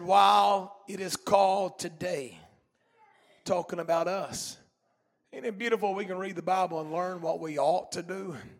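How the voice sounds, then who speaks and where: A high-voiced man preaches a sermon in a church, fervent and shouting in bursts, with amens and hallelujahs punctuating his words.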